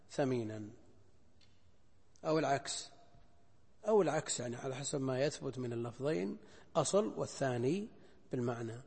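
An older man, a scholar, explaining a hadith text in a lecture. He speaks deliberately, repeating phrases and weighing options aloud. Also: mid-range voice, darkish tone. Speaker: Islamic scholar teaching hadith. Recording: lecture hall with long reverb.

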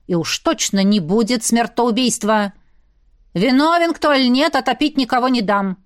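A woman reading an audiobook voices a stern, bossy old man who heads a village, speaking gruffly and giving orders. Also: fairly high pitch, moderate pace, close to an everyday voice. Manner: gruff, commanding.

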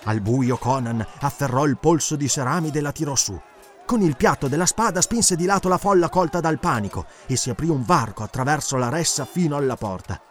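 A man reading an adventure audiobook aloud with dramatic, expressive narration. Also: fairly high pitch, fairly quick. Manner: expressive, animated storytelling.

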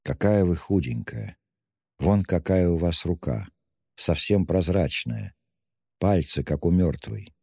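A man's voice: sits low, expressive, takes it slowly, creaky, warm tone, breathy edge, no echo, studio quality, in a large hall, exaggerated voice. A man voicing a gloomy, brooding young male student who speaks curtly in an audiobook reading. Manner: curt, gloomy.

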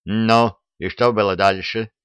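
A man's voice: on the low side, fairly even intonation, a little slow, fairly bright tone, clean tone, dry recording, studio quality. A man voicing a greedy, easily touched male king who exclaims his praise. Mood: exclaiming. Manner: exclaiming, sentimental.

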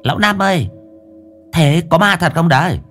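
A shrill, fussy flirt with a whiny sing-song voice, put on by a male storyteller. The voice leaps high and lively, and soft music sits faintly underneath. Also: moderate pace. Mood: coy fussing. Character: effeminate flirty man, shrill and fussing.

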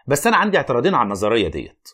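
A man's voice: medium pitch, wildly swooping pitch, racing, fairly bright tone, husky, heavily acted. An actor playing a wry, reluctant, learned Egyptian man who argues, explains and narrates in a radio play. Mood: explaining.

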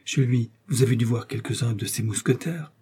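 A man reading aloud and voicing an earnest, trusting young woman in a higher, eager and emphatic voice. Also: normal speed, warm tone, breathy edge.

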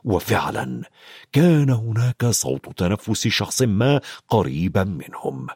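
A man narrating an audiobook dramatically, dropping to a hush for suspense. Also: fairly low pitch, big pitch swings, unhurried, husky, dry recording, studio quality. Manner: dramatic, swings from loud to hushed.

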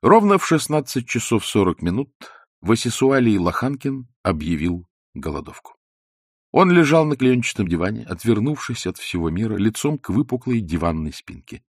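A man narrating a novel in an expressive, measured audiobook reading. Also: lowish voice, no room sound, clean studio sound. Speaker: audiobook reader.

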